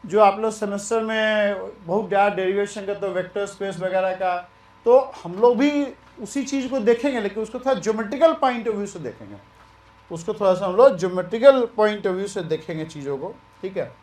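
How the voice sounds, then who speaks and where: A man teaching maths in a relaxed, chatty way, mixing Hindi and English and repeating himself. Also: sits high, brisk, echoey room. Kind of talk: lecture.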